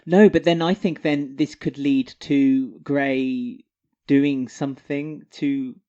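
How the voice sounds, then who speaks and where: A man with a British accent co-hosting a casual podcast chat, chatty and animated, his voice jumping up when he gets excited. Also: medium pitch, takes it slowly. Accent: British English. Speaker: podcast co-host. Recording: dull lo-fi podcast audio.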